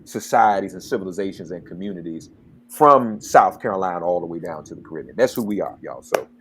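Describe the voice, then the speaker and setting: A man's voice: low voice, expressive, a little fast, noisy background. A man hosting a radio talk show, speaking with passion and getting worked up like a preacher. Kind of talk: interview and commentary.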